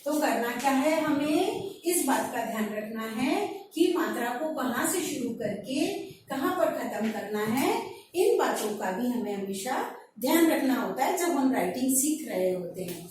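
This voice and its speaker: Slow, high-voiced woman teaching letters. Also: animated, darkish tone, a little hiss or hum. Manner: slow, drawn-out syllable drilling. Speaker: kindergarten teacher. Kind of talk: online class lesson. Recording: echoey room from a distance.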